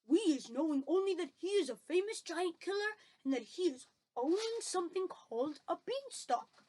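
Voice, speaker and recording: A woman voicing a gentle, cautious male giant in a children's storybook, explaining things in quaintly muddled grammar. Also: very high voice, animated, normal speed, voice pushed up. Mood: grave explaining. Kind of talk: children's storybook read-aloud.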